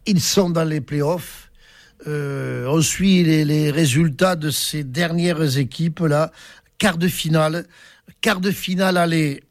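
A man's voice: a little high, slow pace, dry recording, studio quality. A man presenting a local radio sports round-up, hesitant, with many fillers and restarts.

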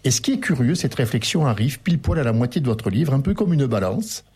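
A man hosting a radio book interview, reading passages aloud with animated emphasis. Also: medium pitch, fast, breathy edge. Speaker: radio host.

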